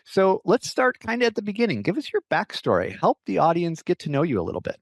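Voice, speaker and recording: Man, podcast host, upbeat, gravelly, animated pitch. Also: fast, no echo, clean studio sound. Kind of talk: podcast interview and scripted intro.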